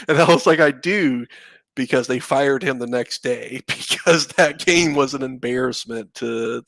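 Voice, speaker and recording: Casting: gravelly-voiced man in his thirties, casual podcast co-host, rambling chatty delivery, dry close sound. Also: medium pitch, a bit bright, dry recording. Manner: rambling, conversational, many fillers and asides. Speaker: podcast co-host, Florida fan. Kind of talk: casual sports chat.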